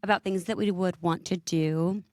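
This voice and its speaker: A woman's voice: on the low side, steady tone, moderate pace, a little mellow, no room sound, studio quality. A young woman co-hosting a podcast, rambling and self-deprecating in casual chat. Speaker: podcast co-host.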